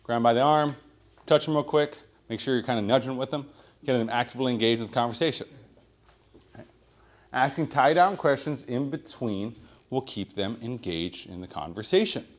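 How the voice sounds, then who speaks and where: A man giving a sales training talk at a meeting, projecting loudly and checking in with "right?" after his points. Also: medium pitch, brisk. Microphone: room microphone.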